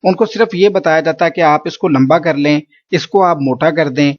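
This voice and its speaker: A man's voice: a little high, lo-fi sound. A man teaching Quran recitation rules in a patient, explanatory lesson, often repeating points to check understanding.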